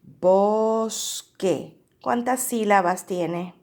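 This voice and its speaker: A woman teacher reading a picture book aloud to young children, stretching out words and counting their syllables. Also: mid-range voice. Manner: slow, drawn-out syllable drilling with animated read-aloud emphasis.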